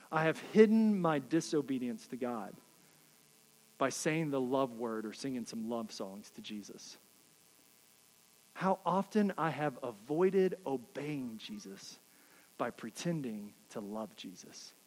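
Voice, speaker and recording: A man preaching a sermon, earnest and dynamic, dropping to a hush and then rising again. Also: mid-range voice, expressive, slow. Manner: earnest, dynamic, drops to quiet then rises. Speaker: pastor. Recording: reverberant hall.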